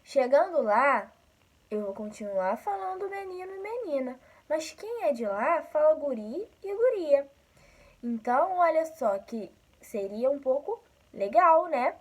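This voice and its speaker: A woman from Rio de Janeiro with a Carioca accent, teaching a school lesson slowly and patiently, often checking in with her listeners. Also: sits high, very animated, darkish tone, poor audio. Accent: Carioca Brazilian Portuguese. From Rio de Janeiro, Brazil.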